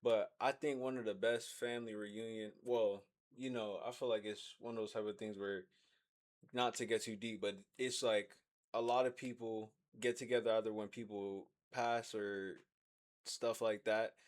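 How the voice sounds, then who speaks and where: A man's voice: on the low side, steady tone, normal speed. An American man co-hosting a movie discussion, reacting in a casual, slangy, conversational way. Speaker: co-host reacting to a film recap. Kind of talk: casual chat.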